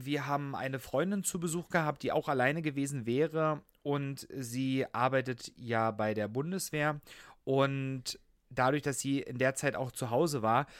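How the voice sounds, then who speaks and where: A man co-hosts a podcast, talking in a casual, conversational way. His voice is mid-range, recorded in studio quality with no room sound.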